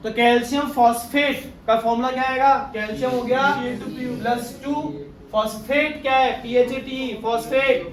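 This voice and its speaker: A man's voice: very high voice, steady tone, unhurried. A male chemistry teacher giving a classroom lecture, often quizzing his class with questions. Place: classroom with students. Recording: echoey room, far from mic, class murmur.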